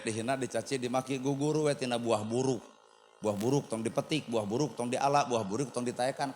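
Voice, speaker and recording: A man with a Sundanese accent preaching a sermon to a congregation, telling stories and acting out their dialogue with loud bursts. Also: medium pitch. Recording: long hall reverb, faint background noise.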